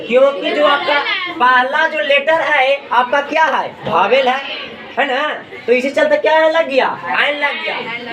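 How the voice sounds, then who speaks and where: A male teacher leads a classroom lesson, asking and answering his own questions over and over. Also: very high-pitched. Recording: echoey room, mic far off. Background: students in the room.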